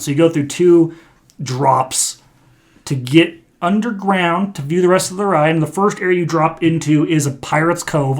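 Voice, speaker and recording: A man's voice: fairly high pitch, vocal fry. A young man co-hosting a casual podcast, explaining things and reading facts aloud. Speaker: podcast co-host. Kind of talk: casual chat.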